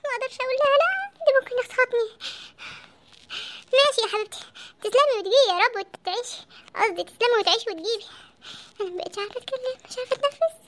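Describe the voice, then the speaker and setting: A voice actor playing a bossy old Egyptian mother in a comic cartoon, with an Egyptian accent and a shrill, scolding manner. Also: very fast, long pauses, a bit bright. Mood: flustered. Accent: Egyptian Arabic.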